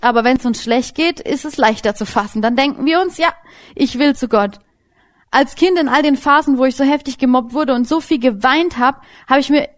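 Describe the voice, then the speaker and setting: Young woman preaching, kinda high voice, chatty and lively, talks right at you. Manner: casual, lively, talks directly to listeners. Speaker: Bible teacher. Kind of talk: informal sermon.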